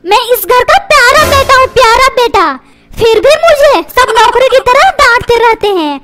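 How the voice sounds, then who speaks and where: A woman's voice: very high-pitched, animated, normal speed, heavy background noise. A woman voicing a sassy, whiny cartoon schoolboy who tattles on his parents. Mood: cheeky.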